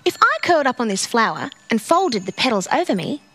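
A woman presenting a children's TV show, bubbly and sing-song, talking slowly to young children. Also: on the high side, very animated, a bit bright, breathy edge, soft background music.

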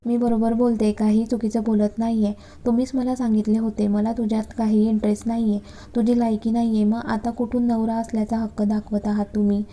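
Woman reading as a defiant young wife, firm retorts, very flat, dark tone. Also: on the high side, fairly quick, lightly acted. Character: defiant young wife standing her ground.

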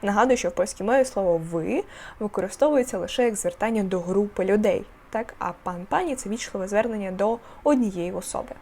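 Woman language tutor, patient explainer, repeats key words, slow deliberate example phrases. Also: mid-range voice, warm tone, slight background noise. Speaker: Polish language teacher. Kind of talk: online language lesson.

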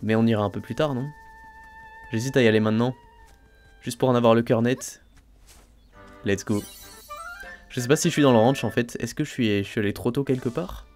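A man casually talking through his own gameplay, thinking aloud and filling pauses with little fillers. He gets excitable over each new discovery. Faint game music plays softly behind him. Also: mid-range voice. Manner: chatty, thinks aloud, frequent "hein" and "euh" fillers. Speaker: let's play host.

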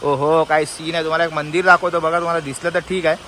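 A high-pitched man chats excitedly to his viewers while filming on a handheld phone. He is outdoors in a village and calls out to his family as he goes. Heavy rain hisses loudly behind his voice. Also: fast talker, poor audio. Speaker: vlogger. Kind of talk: casual vlog narration to viewers. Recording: loud rain noise outdoors.

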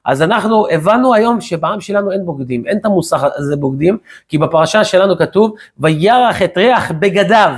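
A man preaching as a rabbi, telling a story in a lively way and acting out the voices of its characters. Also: sits high, slightly rough. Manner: animated storytelling, acts out quotes. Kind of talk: sermon.

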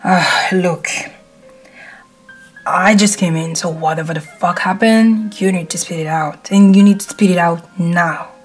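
A blunt, cursing young hero with a short fuse, as a woman reader puts him on, pitched a little below her usual voice and clipped in his commands. Faint music plays under this storybook reading. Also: unhurried, husky. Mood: impatient. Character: gruff short-tempered young male hero.

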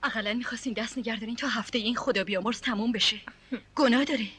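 An actress playing a stubborn, sharp-tongued young woman loyal to her fiancé, in a dubbed 1970s film. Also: a little high, slight background noise, natural voice. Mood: pleading. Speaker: defiant daughter.

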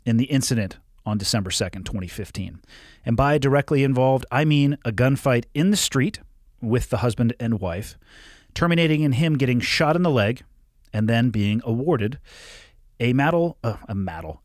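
Lively, dry-sounding male podcast host. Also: medium pitch, no room sound. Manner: swears casually, lively delivery. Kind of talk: casual interview chat. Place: small studio with curtained walls. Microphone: studio mic on boom arm, headphones.

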